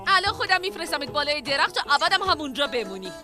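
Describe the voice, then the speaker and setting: Young female village sister, tough and blunt, high voice, loud music underneath. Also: big pitch swings. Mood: firm. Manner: firm, blunt. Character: practical, tough young sister who goes fishing. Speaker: elder sister.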